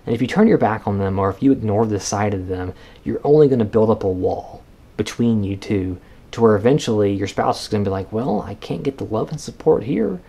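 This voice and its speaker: A man hosting a podcast, giving casual, earnest advice with excited jumps up in pitch. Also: fairly quick. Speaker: podcast host.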